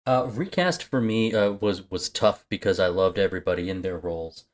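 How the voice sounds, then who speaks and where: A man's voice: low voice, moderate pace. A man co-hosting a movie podcast, chatting casually with rambling asides and lots of fillers. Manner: rambling, many fillers and restarts. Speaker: podcast co-host. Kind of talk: casual movie-talk chat.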